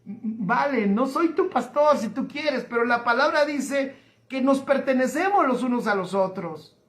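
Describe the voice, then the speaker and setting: A man, a pastor preaching a livestreamed sermon, emphatic and slowing down to repeat key phrases. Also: extremely high pitch, expressive. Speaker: pastor and teacher. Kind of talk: livestreamed sermon reading viewer comments.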